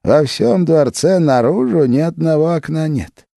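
A fervent, half-mad tsar, as a male narrator puts him on, who murmurs secrets low and then rings out in triumph. His voice climbs high and swings widely. Recorded close and dry for an audiobook. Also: expressive, measured pace, vocal fry, warm tone, dry recording. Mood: triumphant. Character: exalted, secretive tsar, adult man.

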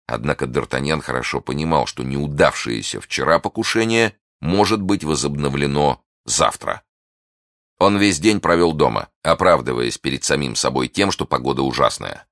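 A man reading a classic adventure novel aloud as an audiobook narrator, in a measured storytelling way. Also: very deep voice, fairly bright tone, dry recording, clean studio sound.

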